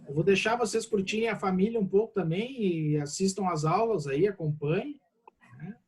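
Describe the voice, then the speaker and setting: The recording is low quality, carrying a high-pitched, breathy male voice. He's a Brazilian law professor on a video call, casually reassuring students in an online Q&A. He sounds a little congested, and "né?" keeps popping up in his Brazilian Portuguese.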